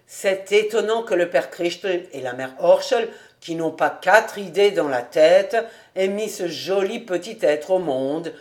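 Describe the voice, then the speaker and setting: A woman's voice: lowish voice, expressive, unhurried. A woman voicing a jovial, well-off man who teases his old friend, in an audiobook reading. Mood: cheerful. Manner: teasing, half-serious. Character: jovial well-off man, teasing, fond of food.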